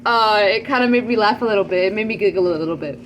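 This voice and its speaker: Talking to camera at a fast clip in a medium-pitched voice, a woman gives a casual channeled tarot reading, chatty and full of fillers, often checking in with her listeners. A little hiss or hum sits under the audio.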